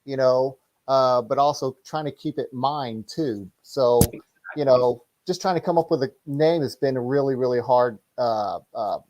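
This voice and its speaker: Background noise accompanies a mid-range male voice: a middle-aged martial arts instructor being interviewed. He speaks informally, meandering and pausing as he explains.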